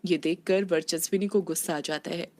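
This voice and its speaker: A woman reading a scripted audio story in a steady, even storytelling manner. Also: on the low side, fairly quick. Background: faint background music.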